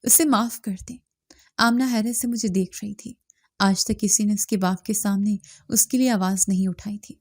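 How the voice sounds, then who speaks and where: A woman's voice: medium pitch, fairly even intonation, darkish tone, dry recording, clean studio sound. A woman narrating a scripted first-person story in an earnest, dramatic way.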